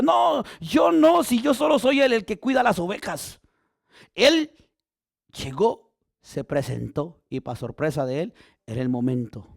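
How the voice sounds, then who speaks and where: A pastor preaches, his voice sitting high and carrying a gravelly edge. He swings between fervent shouting and quiet, hushed passages. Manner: preaching with big swings from shouting to near-whisper. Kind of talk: sermon.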